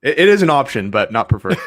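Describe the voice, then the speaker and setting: A man's voice: medium pitch, a bit bright, breathy edge. A man from Oklahoma, a guest on an interview show, answering in an easygoing way and laughing along. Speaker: guest, marketing consultant.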